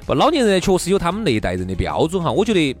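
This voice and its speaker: A man's voice: a little high, wildly swooping pitch, racing, faint music behind. A man with a Sichuanese accent in casual, opinionated chat as a talk show host.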